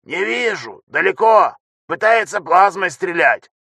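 A man voicing a frantic young male ship technician who shouts rapid reports over the intercom, in an audiobook reading. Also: high-pitched, lively intonation, creaky, breathy edge, dry recording, voice pushed up, exaggerated voice. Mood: shouting urgently.

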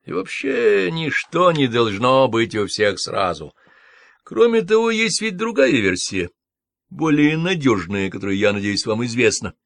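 A man voicing an eccentric, excitable middle-aged official who exclaims and mocks theatrically in an audiobook. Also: mid-range voice, a little slow, gravelly, no room sound, exaggerated voice. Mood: soothing. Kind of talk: audiobook character voice.

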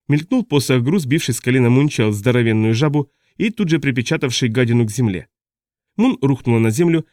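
A man reading a first-person audiobook in a steady storytelling manner. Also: medium pitch, dry recording, studio quality. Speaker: audiobook narrator.

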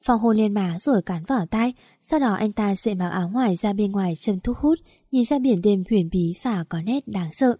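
A woman narrating an audio story in a steady, even reading. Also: medium pitch, breathy edge, dry recording, clean studio sound.

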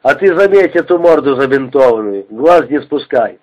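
A man reading the part of a hoarse, bossy male prison-camp convoy chief barking orders. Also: medium pitch, animated, moderate pace, close to an everyday voice. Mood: commanding. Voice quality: hoarse tenor. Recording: dull lo-fi recording.

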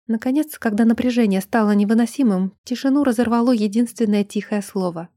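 Mellow-voiced woman narrating an audiobook. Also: on the high side, dry recording, studio quality. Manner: even, measured storytelling. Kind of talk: scripted narration of a romance fantasy novel.

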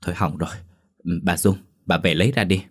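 A man voicing an elderly village woman, loud and lamenting, in a ghost story. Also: deep voice, fairly quick.

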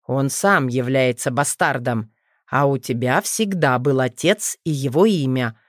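Nathan, a woman voicing a gentle dragon father. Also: a little slow, no room sound, studio quality. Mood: calm, reassuring. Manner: low, steady, reassuring. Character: dragon father, grown man, calm and gentle. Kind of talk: audiobook reading.

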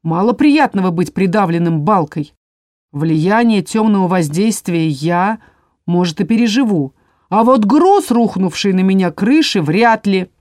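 A woman's voice: medium pitch, lively intonation, a little slow, a little mellow, dry recording, clean studio sound, close to an everyday voice. A woman voicing a sulky male bartender who grumbles.

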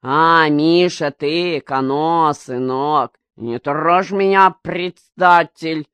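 A woman reading an audiobook, voicing a drunken rural man who shouts slurred threats. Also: low voice, extremely slow, smooth, no room sound, exaggerated voice. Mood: slurred bluster. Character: drunken rural man, rowdy village chairman.

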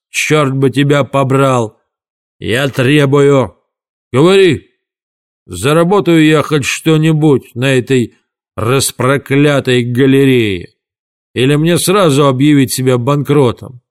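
A man voicing a furious, cursing grown man who runs a fairground gallery, shouting slowly and heavily in an audiobook, with faint music behind. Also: medium pitch, animated, clear, resonant tone. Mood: demanding. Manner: bellowing, cursing, slow and heavy.

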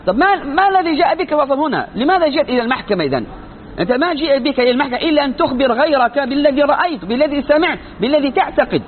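Emphatic and very high-voiced, a sheikh lectures on creed, answering his own rhetorical questions as he goes. The audio sounds narrow and thin, and faint noise can be heard behind him.

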